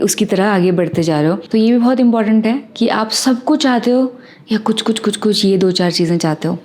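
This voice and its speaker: An Indian woman talks straight to her viewers in a reflective, earnest way, dropping English words in as she goes. Her voice is mellow and warm, sitting at an everyday middle pitch. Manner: earnest, thoughtful, mixes English words into Hindi. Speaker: self-help vlogger. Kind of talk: reflective casual talk to camera.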